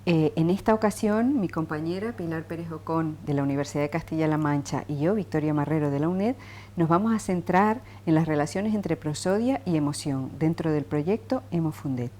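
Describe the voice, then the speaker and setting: Woman lecturing, low warm voice, stresses key words, slight hum. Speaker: university lecturer. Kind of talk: scripted lecture.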